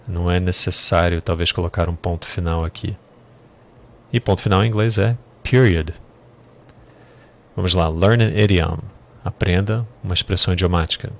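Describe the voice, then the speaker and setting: A low, creaky-voiced man teaches English vocabulary in a casual screen-share lesson at normal speed, thinking aloud and correcting himself as he goes.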